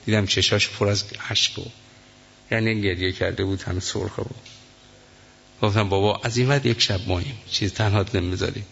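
A man's voice: lowish voice, gravelly, fairly bright tone, slightly rough. A man preaching a sermon, telling an emotional story and voicing the people in it. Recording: echoey hall, dull lo-fi sound.

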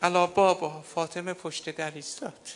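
A man preaching a sermon as a cleric, emotional and swinging between loud and hushed, reading Arabic passages aloud and explaining them. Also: sits high, level tone, noisy background. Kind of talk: sermon reading from a history book.

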